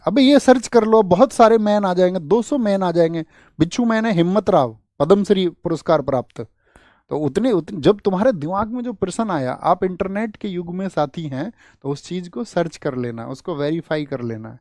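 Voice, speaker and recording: A male teacher from India gives an exam-prep lecture in a fairly high voice, with a dry and close sound. He keeps asking his class questions and hammers answers home by repeating them. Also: no echo. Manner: lively, asks the class questions, rhetorical repeats.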